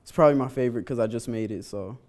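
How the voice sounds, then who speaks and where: A young man of nineteen rambles through a relaxed group interview with his crew. His talk is loose and casual, filled with "like," and his pitch sits in the middle of the male range. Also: rapid-fire. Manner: rambling, heavy use of "like". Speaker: rapper, crew member.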